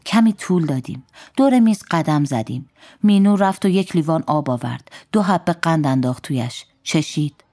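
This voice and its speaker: A woman reading a first-person story aloud in a calm, wry storytelling manner. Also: low voice, dry recording.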